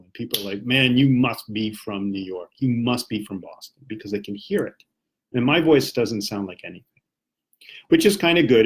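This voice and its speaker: A young man from Washington, D.C., United States, with a General American accent and a mid-range voice, teaches English on a live stream. He's friendly and chatty, asking lots of rhetorical questions.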